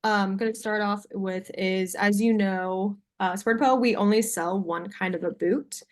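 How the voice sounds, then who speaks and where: A woman's voice: medium pitch, fairly even intonation, unhurried. A young adult woman giving a sales presentation on a video call in an informal, somewhat hesitant way. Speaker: salesperson pitching to a buyer. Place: video call with screen sharing.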